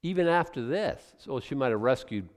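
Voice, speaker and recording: A man teaching from the pulpit in an easy, conversational way. He thinks out loud, hedging his guesses and chuckling now and then. His mid-pitched voice rings through a large room with a long echo. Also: lively intonation, moderate pace. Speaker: pastor.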